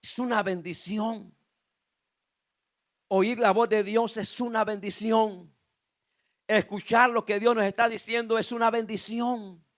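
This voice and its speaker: A male pastor preaches in a high, bright-edged voice. He builds with repeated phrases and rhetorical questions, punctuated by calls of "aleluya.". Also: steady tone, a little slow, long pauses. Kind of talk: sermon.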